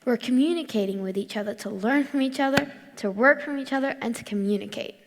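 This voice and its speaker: A teenage girl from Morocco and Australia giving a clear, rehearsed talk on stage. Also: fairly high pitch, fast talker, big-room sound, background noise. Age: teens. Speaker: youth speaker. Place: large hall.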